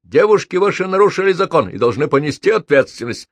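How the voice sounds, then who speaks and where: A man reading a story aloud and voicing an officious, condescending police sergeant in a flat, bureaucratic tone. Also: a little high, quick pace, no echo, voice pushed up.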